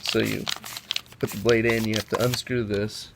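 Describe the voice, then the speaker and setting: A young man with a cold handles toys at a table indoors, chatting casually, rambling, and correcting himself as he compares them. His voice sits on the low side, gravelly and flat, at a normal pace. The noisy home recording is picked up by a camera mic off-screen above the table.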